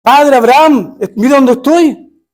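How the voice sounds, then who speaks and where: A man's voice: extremely high pitch, a little slow, voice pushed up. A man voicing a tormented rich man who pleads desperately from the flames. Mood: pleading.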